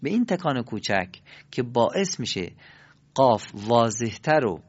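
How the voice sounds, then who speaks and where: A man teaching Quran recitation in a recorded lesson, demonstrating sounds slowly and asking learners to repeat after him. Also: mid-range voice. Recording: dull lo-fi recording.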